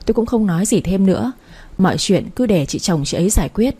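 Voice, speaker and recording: Mellow, husky woman narrating a story. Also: mid-range voice, animated, fast talker. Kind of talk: first-person story narration.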